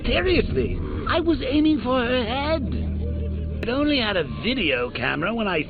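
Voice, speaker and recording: An actor playing a gleefully sadistic clown supervillain in a video game, theatrical and mocking, with a creaky voice. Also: male voice, very high voice, big pitch swings, exaggerated voice. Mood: sardonic. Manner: theatrical, mocking, drawn-out phrasing with cackles. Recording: muffled game audio under loud music.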